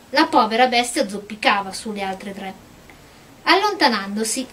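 A woman reading a storybook aloud in a calm, steady narrating manner. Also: a little high. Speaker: reader.

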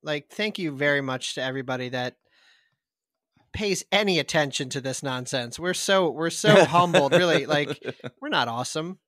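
A man's voice: fairly high pitch, expressive, normal speed, pushed and bright, dry recording, clean studio sound. A man co-hosting a running podcast, chatting casually in a joking, self-mocking, upbeat way. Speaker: podcast co-host. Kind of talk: casual chat.

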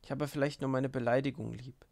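A man reading the lines of a passionate, volatile young woman in a German audiobook, his gravelly voice barely changed. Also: medium pitch, steady tone, fairly quick, a little mellow, lightly acted.

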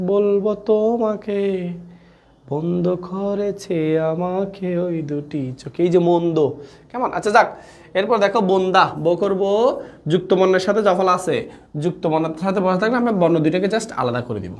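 Man teaching an online class. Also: high-pitched. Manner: coaxing, repeats key points, checks understanding often. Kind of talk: live online class lecture.

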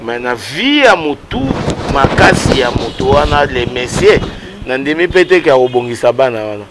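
Animated Congolese man, lively pitch swings. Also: moderate pace, background noise. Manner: animated, gestures with hands, mixes Lingala and French. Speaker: interviewee. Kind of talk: casual interview. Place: outdoors by a wall.

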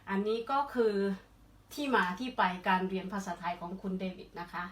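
A woman's voice: mid-range voice, brisk, noisy background. Echoey, distant female interviewer. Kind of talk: polite conversational interview. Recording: echoey room, distant from the mic.

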